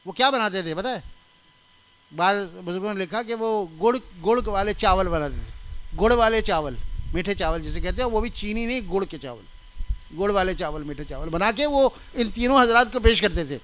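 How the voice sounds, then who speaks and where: An older man delivers a sermon in a chatty, storytelling way. His voice sits high for a man and sounds smooth and resonant. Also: expressive, fairly bright tone. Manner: conversational, anecdotal, stresses correct pronunciation; laughs at his own anecdotes. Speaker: religious scholar giving a reform talk.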